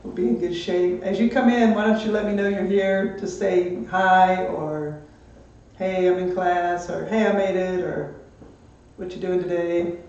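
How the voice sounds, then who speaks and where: A man's voice: high voice, steady tone, unhurried, darkish tone. Man, math teacher, chatty, upbeat, very echoey room, distant muffled mic. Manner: chatty, upbeat, greets students by name. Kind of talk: live-streamed class lesson.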